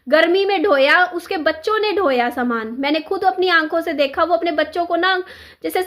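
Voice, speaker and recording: A woman's voice: very high voice, a bit bright. A woman vlogger telling a neighborhood story in a casual, chatty way, repeating herself and acting out the quoted dialogue.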